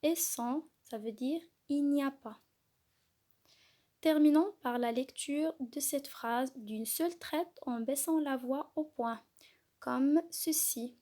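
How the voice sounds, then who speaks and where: A woman gives a reading lesson for small children, sounding out each letter and syllable with great patience. Her voice is mellow and a little high, and she speaks very slowly. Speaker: kindergarten teacher. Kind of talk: slow, clearly articulated reading lesson for young children.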